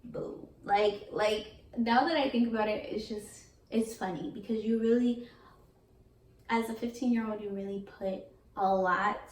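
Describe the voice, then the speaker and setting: A woman's voice: mid-range voice, steady tone, measured pace. Chatty young woman in an echoey room. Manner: chatty, candid, slangy. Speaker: beauty vlogger. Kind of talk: casual storytime monologue. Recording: echoey room, voice from a distance, faint hiss.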